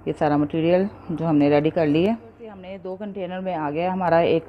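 A woman's voice: fairly low pitch, normal speed, highs cut off. A woman hosting a cooking show, patiently explaining each step and checking in with her viewers.

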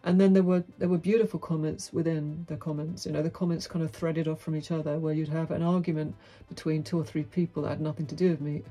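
A middle-aged Englishwoman vlogger gives a candid monologue to camera in a small, dim indoor room, frank and outspoken with a dry, wry edge. Her deep, husky, mellow voice is level in tone and quick, with faint music in the background.

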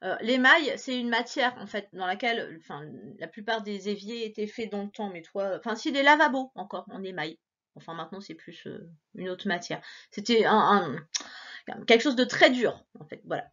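A woman teacher giving a recorded reading lesson to a child, encouraging and playful, stretching out words slowly. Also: mid-range voice, animated, fairly bright tone, muffled recording. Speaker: primary school teacher.

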